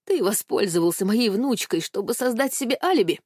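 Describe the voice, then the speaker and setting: A woman's voice: mid-range voice, animated, fairly quick, a little mellow, breathy edge, dry recording, clean studio sound. A woman doing a stern hissing old grandfather. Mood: threatening. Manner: commanding, hissing.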